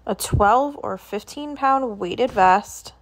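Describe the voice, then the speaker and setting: Recording on her phone, this shopping vlogger wanders a grocery store and chats her way through products, listing what things cost. She has a fairly high voice and takes her time.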